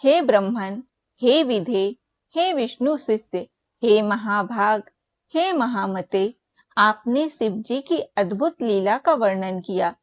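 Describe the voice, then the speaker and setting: A woman voicing the male sage Narada, asking questions in a slow, reverent tone. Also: mid-range voice, lively intonation, no room sound. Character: sage Narada, a curious devout male seer.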